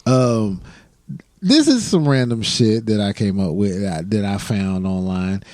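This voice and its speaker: A man's voice: fairly low pitch, animated, measured pace, dark tone, dry recording, studio quality. A man co-hosting a podcast in casual chat, curious, asking questions and laughing often. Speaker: podcast co-host.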